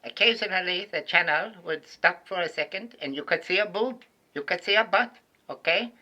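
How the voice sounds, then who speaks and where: A man doing stand-up storytelling in an animated, emphatic way, landing crude punchlines. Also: high-pitched, normal speed. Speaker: stand-up comedian.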